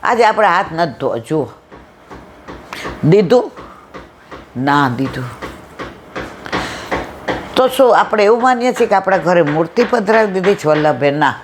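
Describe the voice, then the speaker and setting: A woman's voice: medium pitch, fast talker, few pauses, slight background noise. Gujarati woman telling devotional stories. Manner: lively storyteller acting out dialogue. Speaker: satsang speaker. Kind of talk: devotional storytelling talk.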